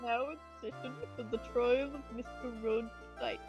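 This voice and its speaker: Woman doing a flustered squeaky judge. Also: steady tone, normal speed, dull audio, music in the background, close to an everyday voice.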